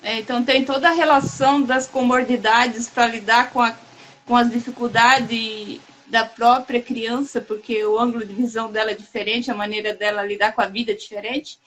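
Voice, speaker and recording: A woman hosting a casual live chat, talking in a warm, halting way with many restarts and fillers. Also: fairly high pitch, steady tone, a little hiss or hum, rough recording. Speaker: host.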